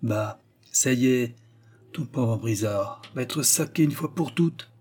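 A proud, fervent old tragic actor near death, pleading with grandiose emphasis, as a male reader puts him on. The voice is dark and husky. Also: medium pitch, slow. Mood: rueful.

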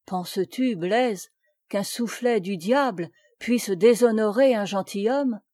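A woman's voice: mid-range voice, slow, darkish tone, no room sound, clean studio sound. A woman reading aloud as an arrogant male Huguenot captain and nobleman who gives haughty, commanding orders. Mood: dolent.

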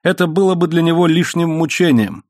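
A man reading an audiobook voices an indignant middle-aged knight who is quick to anger, with raised, forceful outbursts. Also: a little high, expressive, no room sound, clean studio sound, voice pushed up, close to an everyday voice.

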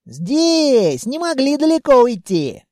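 A man voicing mocking elf soldiers who shout taunts, in an audiobook. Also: extremely high pitch, wildly swooping pitch, slow, no room sound, clean studio sound, pitched above the performer's own voice, full character voice. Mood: searching.

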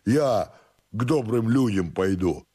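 A man voicing a drunk, sullen manservant in an audiobook, muttering quietly and stubbornly. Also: lowish voice, animated, slow, husky, voice pushed up, full character voice. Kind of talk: audiobook character voice.

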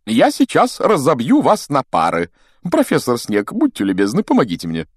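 A man's voice: mid-range voice, wildly swooping pitch, moderate pace, husky, no echo, studio quality, pitched above the performer's own voice. A man voicing a vain, theatrical male wizard teacher who talks in a grandiose, self-admiring way. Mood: pompous, showy. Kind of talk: audiobook character voice.

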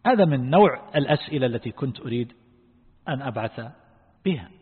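A man with a husky, slightly raised voice teaches a religious lesson. He explains slowly and deliberately and quizzes his listeners. The sound is thin and phone-like, with a long reverb from the hall. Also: mid-range voice, animated. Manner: asks the class questions. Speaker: Islamic scholar teaching Quran reflection.

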